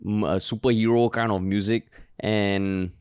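A Singaporean man co-hosting a podcast in casual, bantering Singlish. His voice is slightly low and cleanly resonant, recorded close and dry, with easy informal particles at the ends of his phrases. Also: steady tone, measured pace, darkish tone, smooth, dry recording. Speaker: podcast co-host.

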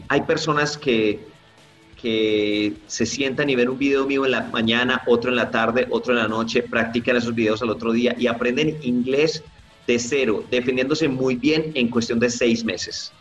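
A man who teaches English, answering interview questions in a lively way and acting out the people he quotes. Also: normal speed. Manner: animated, acts out quoted people with big pitch jumps. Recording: roomy, slightly dull, faint music behind.

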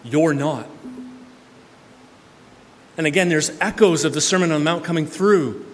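A male pastor preaching a sermon in a church, conversational in tone, swinging between loud emphatic lines and hushed quiet ones. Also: on the high side, fast talker, soft background music. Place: church sanctuary. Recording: long church reverb with faint room noise.

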